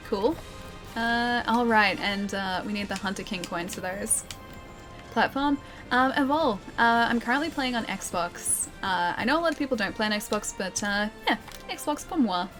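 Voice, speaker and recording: A woman's voice: a little high, animated, a little slow, a bit bright. A woman livestreaming a game and chatting casually with viewers, articulating a little carefully around the retainer trays in her mouth. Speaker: live game streamer. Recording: music playing behind the voice. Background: background music.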